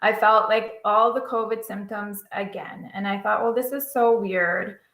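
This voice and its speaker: A woman in her thirties from Canada, telling of a long illness in an interview with halting, hesitant speech. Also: mid-range voice, steady tone, a bit bright, echoey room, rough recording. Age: 30s.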